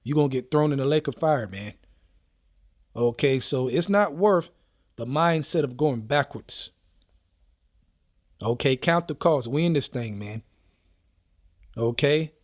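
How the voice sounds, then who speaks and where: A man's voice: medium pitch, expressive, measured pace, long pauses, dry recording, clean studio sound. A man preaching an informal, urgent sermon, reading scripture aloud and peppering his talk with "okay" and "man". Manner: urgent, repetitive, street slang with frequent "okay" and "man".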